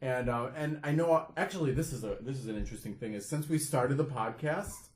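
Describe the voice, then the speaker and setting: A man's voice: medium pitch, brisk, roomy sound. A man co-hosting a podcast in casual chat, playful and cracking cheesy jokes. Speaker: podcast co-host.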